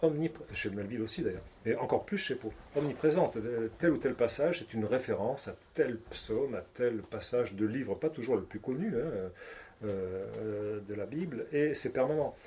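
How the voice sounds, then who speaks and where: A man's voice: medium pitch, normal speed, darkish tone, slight background noise. A man, a translator, speaking in a bookshop conversation, hesitant with many restarts and fillers.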